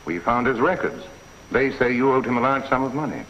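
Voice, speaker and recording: An actor playing a calm, dry-witted police inspector who speaks tersely in a vintage radio drama. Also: male voice, medium pitch, fairly quick, a little hiss or hum, natural voice. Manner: cool, terse, wry. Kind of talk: 1950s radio drama acting. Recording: dull lo-fi vintage radio recording.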